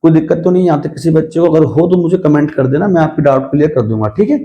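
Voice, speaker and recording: In a slightly high voice on a muffled recording, a man teaches Hindi grammar in a classroom-style lesson. He often checks in with "theek hai," answers his own questions, and recites verse slowly and deliberately.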